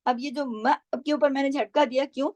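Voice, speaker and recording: A woman teaching Quran recitation rules, patiently explaining and slowly repeating syllables to model each sound. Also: sits high, steady tone, darkish tone, no echo. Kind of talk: tajweed lesson, explaining pronunciation.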